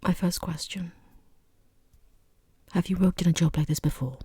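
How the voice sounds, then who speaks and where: This ASMR piece has a woman half-whispering as a condescending, rude female boss grilling a job applicant, her politeness dry and sarcastic and her mood dryly patronizing. She speaks at a moderate pace in a husky, fairly low voice. The recording is dry.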